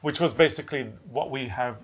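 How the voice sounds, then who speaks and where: Briskly, in a mid-range voice, a middle-aged Norwegian-native designer hosts a craft show-and-tell in casual English. He's recording in a small room with wood-panelled walls.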